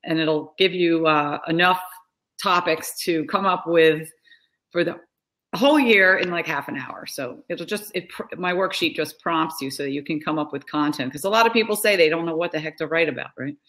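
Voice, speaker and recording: Low-voiced woman hosting a casual chat. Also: moderate pace. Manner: brief, relaxed interjections and questions. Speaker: podcast host.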